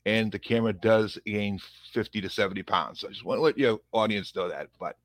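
A Massachusetts police officer in his fifties, with a thick Boston accent, rambles through his life story as a guest in a casual conversational interview, poking fun at himself along the way. His voice is fairly low, steady and brisk, with a little hiss or hum on the recording.

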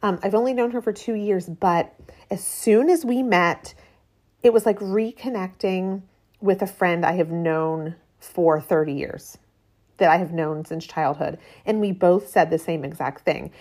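Recording in a rain-drummed cabin with a metal roof, a woman in her late thirties hosts a solo podcast, chatting informally and casually. Her fairly low, darkish voice is unhurried.

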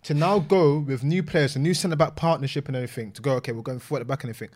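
A man's voice: medium pitch, racing, a little mellow. A man with an urban London accent hosting a casual football debate, emphatic and repeating his phrases to make the point. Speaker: host of a football discussion panel.

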